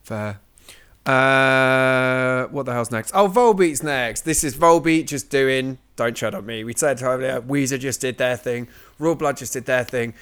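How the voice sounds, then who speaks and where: A man's voice: medium pitch, a little slow, a bit bright, clean tone. A man hosting a music review podcast, chatting casually and enthusiastically, swearing freely as he moves through the tracks. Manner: enthusiastic, sweary, leads the running order. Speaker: podcast host.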